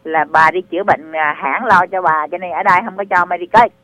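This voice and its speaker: A woman's voice: lowish voice, fairly even intonation, fairly quick, a bit bright, dry recording, low-quality recording. A woman calling in to a radio advice show, asking on behalf of a friend and stumbling over repeated words as she explains. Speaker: caller. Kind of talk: call-in question.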